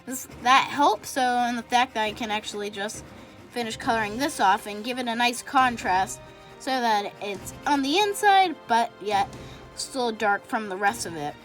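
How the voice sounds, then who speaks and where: A woman's voice: fairly high pitch, expressive, moderate pace, soft background music. Rambling chatty woman narrating a drawing. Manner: rambling, chatty, talks while coloring; self-correcting, thinks out loud. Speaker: drawing channel host. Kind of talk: casual drawing tutorial narration.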